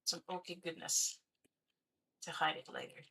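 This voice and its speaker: Slow-talking woman streamer with a cracking voice. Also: lowish voice, flat delivery, sharp tone. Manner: chatty, talks to viewers while building. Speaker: game streamer. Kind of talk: casual live-stream chat while playing.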